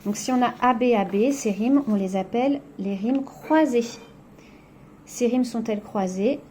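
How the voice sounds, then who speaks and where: A woman's voice: a little high, measured pace, dark tone, a little hiss or hum. A woman teacher going over a poetry exercise in a recorded lesson, explaining step by step with frequent "donc" and "hein".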